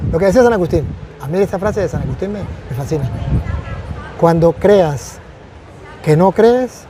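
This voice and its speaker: A man's voice: high-pitched, background noise. A man, a priest, speaking earnestly and reflectively in a conversational testimony, often repeating phrases for emphasis.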